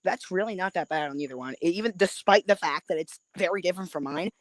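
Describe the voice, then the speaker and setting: A man's voice: high-pitched, fast, dry recording. A man co-hosting a sports podcast in casual debate, persistent and pushing his point.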